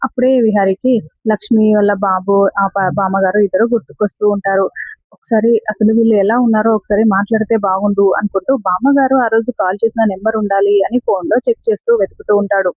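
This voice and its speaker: Husky woman retelling a serial. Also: medium pitch, fairly even intonation, fast, dry recording, lo-fi sound, faint music behind. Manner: retells scenes step by step, quoting lines of dialogue. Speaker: serial recap narrator. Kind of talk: casual spoken story recap.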